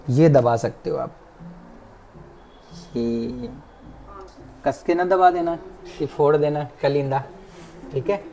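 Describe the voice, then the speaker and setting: A massage instructor giving a hands-on class demonstration, with soft, repeated cues and frequent check-ins with the students. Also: mid-range voice, a little hiss or hum. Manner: soft, repetitive coaching cues. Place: training academy classroom.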